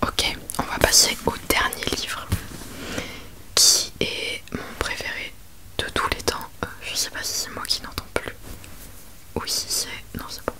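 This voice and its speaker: A young adult woman chatting informally about books in a soft, breathy library whisper for ASMR, hesitant and often trailing off mid-phrase. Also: a little slow. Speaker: ASMR book reviewer. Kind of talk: whispered ASMR book chat.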